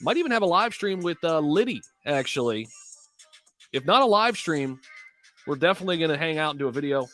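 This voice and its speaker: A man's voice: fairly high pitch, sing-song, brisk, pushed and bright, soft background music. A man hosting a casual crypto livestream, talking to viewers in hyped, slangy crypto bro style.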